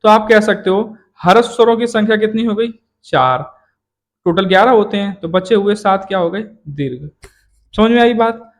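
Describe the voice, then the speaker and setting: A man teaching a classroom lesson who asks questions and answers them himself, dropping lower on each answer. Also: moderate pace. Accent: Hindi, from eastern Uttar Pradesh.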